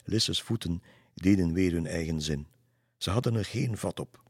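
A man reading a children's story aloud in a calm, even way. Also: deep voice, moderate pace, husky, no room sound, clean studio sound. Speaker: narrator.

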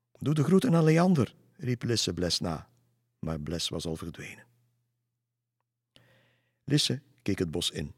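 A man calmly reading a children's storybook aloud. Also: sits low, husky, no echo, clean studio sound. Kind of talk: storybook narration.

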